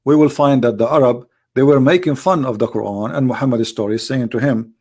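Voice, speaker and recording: This man's voice is medium in pitch, darkish and a bit rough. He hosts a religious video, arguing his case in a monologue phrased in non-native English, pressing his points emphatically through repetition and rhetorical questions.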